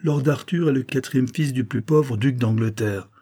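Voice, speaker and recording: Man playing grumpy gouty old statesman, gruff, impatient, husky dark voice. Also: medium pitch, moderate pace, voice pushed up, natural voice. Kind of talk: audiobook character voice.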